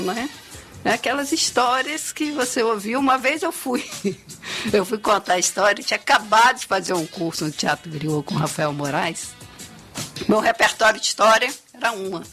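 A woman who tells stories and writes children's books, talking expressively in a relaxed interview, often ending phrases with a tag question. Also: fairly high pitch, normal speed, faint music behind. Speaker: storyteller and children's author, guest. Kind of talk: conversational interview.

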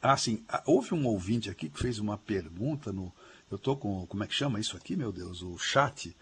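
A man's voice: fairly low pitch, lively intonation, moderate pace, husky. A man speaking as a language professor on a radio show, chatting and patiently explaining spelling rules with asides. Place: remote line from abroad.

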